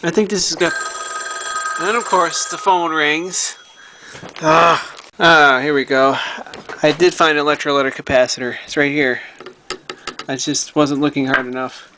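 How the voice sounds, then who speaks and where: Thinking aloud with frequent hesitations, a man handles and presents his radio repair project indoors at home. This hobbyist vlogger's voice is a little high with fairly even intonation, and his casual, unscripted narration carries a noisy background.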